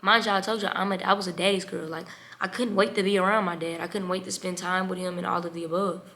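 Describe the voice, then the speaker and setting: Bright-voiced young woman telling her story. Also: lowish voice, fast talker. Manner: emotional, animated storytelling. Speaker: vlogger. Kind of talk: storytime vlog.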